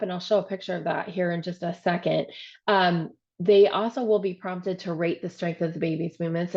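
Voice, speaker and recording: A woman director giving a webinar training, explaining step by step with frequent "um" and "so", her voice showing some vocal fry. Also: lowish voice, a little mellow, muffled recording. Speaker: program director presenting a training. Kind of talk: webinar presentation.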